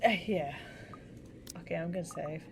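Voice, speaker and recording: A woman live streamer with a deep voice does casual game commentary at a moderate pace, chatting with her viewers in an informal, rambling way. Steady background noise is audible throughout.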